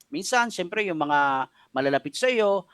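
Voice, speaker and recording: High-voiced Filipino pastor, emotional. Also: male voice, lively intonation, a little slow, fairly bright tone, smooth, no echo, clean studio sound. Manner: emotional storytelling, mixes Tagalog and English. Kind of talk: radio sermon with personal testimony.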